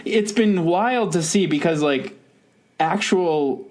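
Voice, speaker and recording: Casual male podcast co-host, rambling and self-mocking, quick to laugh. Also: high voice, darkish tone.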